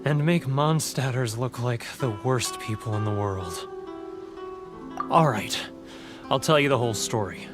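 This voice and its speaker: In video game cutscene dialogue, an actor voices a homesick, guilt-ridden male merchant who is gloomy, mournful, self-pitying, and prone to stammering. His medium-pitched, near-everyday voice runs a little slow with frequent pauses, heard over music.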